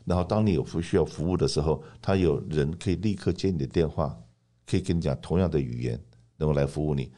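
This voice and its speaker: A man with an extremely low, mellow voice presents a radio talk segment. He explains in an emphatic way, repeating points and putting rhetorical questions to listeners. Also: fast. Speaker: radio host and insurance agent.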